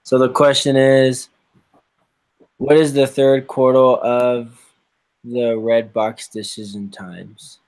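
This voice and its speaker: A young man speaks on a video call through a computer mic, relaxed and easygoing as he talks through problems with his study group. His pitch sits in an ordinary middle range. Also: slow, low-quality recording. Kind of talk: casual chat while working problems.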